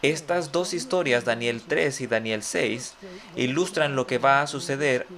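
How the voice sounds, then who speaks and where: A man's voice: medium pitch, unhurried, fairly bright tone. A man preaching a sermon as pastor, reading scripture aloud and quizzing listeners with rhetorical questions. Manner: reads scripture aloud, then comments.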